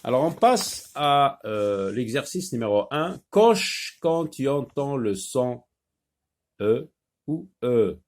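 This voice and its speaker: A man teaching a French phonics lesson, saying each word slowly and repeating it with patience. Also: mid-range voice, animated. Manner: slow, patient, repeats words clearly.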